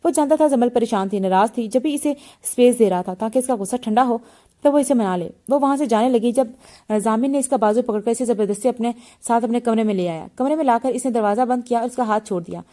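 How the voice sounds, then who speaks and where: A woman reads a romance novel aloud, doing every character's lines herself. Her voice sits a little high but sounds soft and mellow. She stumbles often and restarts her words as she goes. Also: fast talker. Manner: reads all the characters in a lightly shifted voice, with frequent slips and restarts. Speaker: novel reader.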